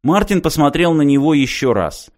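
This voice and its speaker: A man reading a novel aloud in an even, measured storytelling voice. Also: on the high side. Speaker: narrator. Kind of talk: audiobook narration.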